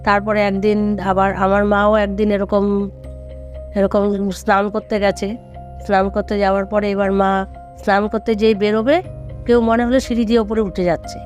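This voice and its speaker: A man's voice: high voice, level tone, moderate pace, faint music behind. A man telling a ghost story in casual conversation, rambling and repeating himself with many fillers.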